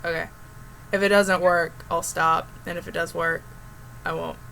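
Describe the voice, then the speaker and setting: A young woman streaming while she chats with a friend, friendly and relaxed as she tells stories. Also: fairly low pitch, normal speed, vocal fry, a little hiss or hum, low-quality recording. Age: young adult. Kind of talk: casual chat.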